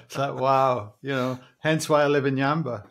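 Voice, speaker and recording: This podcast host from Wales, a man in his forties, chats in a friendly, meandering way, calling people "mate" often. His medium-pitched voice is fairly even and moderately paced, coming through earphones on a video call from a small room.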